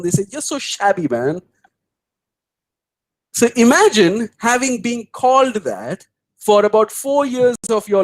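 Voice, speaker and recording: A middle-aged man with an Indian English accent, speaking as a guest on a webinar and telling anecdotes in an animated way. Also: high-pitched, no room sound, poor audio. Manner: storytelling, animated, mimics voices in anecdotes. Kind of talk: webinar talk answering questions.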